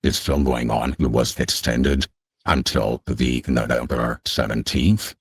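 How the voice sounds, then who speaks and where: Very deep, gravelly voice-changed man. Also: fairly even intonation, no room sound, studio quality. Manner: halting, many fillers. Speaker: guest. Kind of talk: casual chat.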